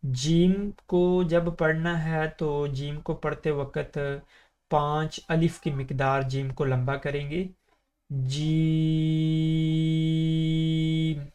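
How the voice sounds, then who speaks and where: A male Quran reading teacher from Pakistan takes beginners through the Arabic alphabet in a recorded lesson. His voice is steady, fairly flat and a little high. He draws out each letter name long and slow, then quickly explains how it should sound.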